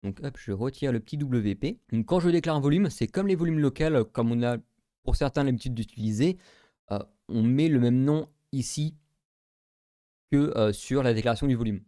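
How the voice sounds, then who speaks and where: A man's voice: medium pitch, animated, moderate pace, warm tone, no echo, studio quality. A man, casually talking through a screen-recorded tech tutorial, with many fillers and thinking aloud.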